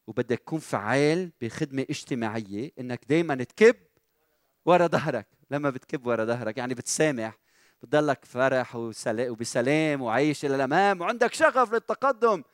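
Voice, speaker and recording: A man with a Lebanese Arabic accent preaching a sermon as pastor, animated and asking the congregation questions with rising emphasis. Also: mid-range voice, no room sound, studio quality.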